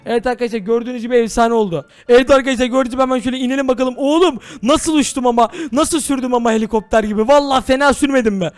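Excitable young male gamer, very high and rapid; close, dry mic. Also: smooth, no echo. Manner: excitable, addressing viewers, exclaiming. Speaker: gaming YouTuber. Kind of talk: Minecraft role-play commentary.

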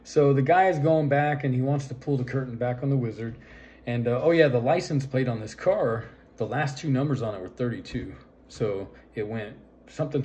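A man's voice: mid-range voice, warm tone. A man casually retelling a film's plot in a rambling way, full of fillers and "right?" asides. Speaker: vlogger.

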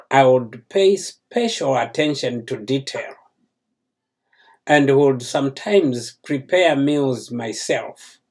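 Slow, husky older man hosting a show. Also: medium pitch, darkish tone. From Zambia. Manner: courteous, formal address to viewers. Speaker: host of a cooking channel. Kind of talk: slow, formal talk to camera. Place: small indoor room, seated before a plain backdrop.

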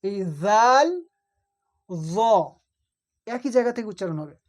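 A woman's voice: mid-range voice, lively intonation, fast talker. A woman teaching Quran reading, patiently repeating each Arabic letter and explaining where it is formed in the mouth. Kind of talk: slow letter-by-letter Arabic pronunciation lesson.

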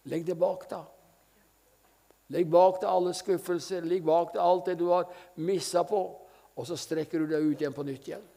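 Gravelly older man preaching fervently. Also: high voice, steady tone, warm tone. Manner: fervent storytelling, frequent hallelujahs. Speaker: evangelist preacher. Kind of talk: sermon. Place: church meeting.

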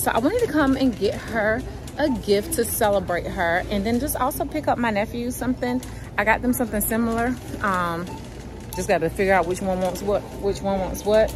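A woman's voice: mid-range voice, background noise. Chatty woman vlogging in a store. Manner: chatty, informal slang, talks to viewers as loves. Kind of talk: casual vlog chat. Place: store and mall, indoors.

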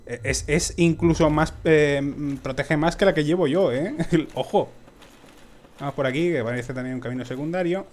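A young man from giving excitable let's play commentary to his viewers, swearing often. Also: medium pitch, slight background noise. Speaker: gaming video host.

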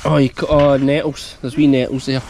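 A man's voice: mid-range voice, level tone, a little fast, a little mellow. A man in his thirties with a broad Scottish accent, a sheep farmer chatting casually as he vlogs and talks to his dog. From Scotland. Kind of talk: casual outdoor vlog chat, talking to child and sheepdog. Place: outdoors in an open farm field. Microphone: action camera held at arm's length. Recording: outdoor field noise.

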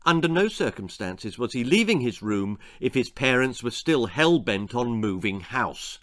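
In a small indoor room lined with books, an older author performs his own children's tale. He speaks unhurriedly in a medium pitch, giving the reading a lively, theatrical flair.

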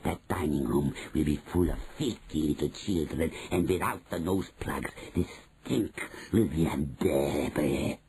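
A storyteller voicing an imperious, venomous witch leader in a children's storybook, with drawn-out, screeching commands. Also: very deep voice, darkish tone, slightly rough, pitched below the performer's own voice, heavily acted. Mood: hushed disgust.

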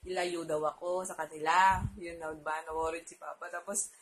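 A woman's voice: fairly low pitch, flat delivery, moderate pace, fairly bright tone, slight background noise, poor audio. A Filipino woman vlogger telling a personal story to her viewers in a casual, chatty way, laughing often and trailing her phrases with fillers.

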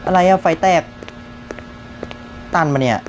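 A young man giving jumpy, excitable commentary on a horror game, often repeating words when startled. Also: a little high, slow, slight background noise. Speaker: gaming YouTuber.

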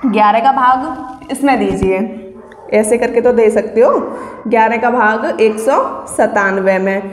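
A woman's voice: a little high, measured pace. A woman teacher explaining exam math step by step, patiently asking and answering her own questions. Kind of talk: exam-prep math lesson. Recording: echoey room with long reverb.

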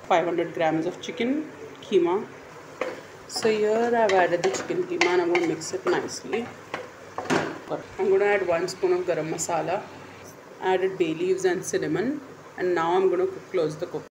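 A woman's voice: lowish voice, moderate pace, background noise. A woman narrating her home cooking vlog step by step, recorded on a phone in her kitchen. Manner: steady step-by-step instructional narration. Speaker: cooking vlogger.

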